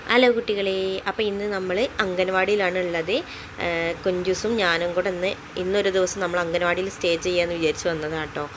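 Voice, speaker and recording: A woman's voice: fairly low pitch, fairly even intonation, a little fast. A young woman, a mother and vlogger, narrating a casual family vlog in an easygoing, chatty way, speaking straight to her viewers. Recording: noisy phone vlog audio.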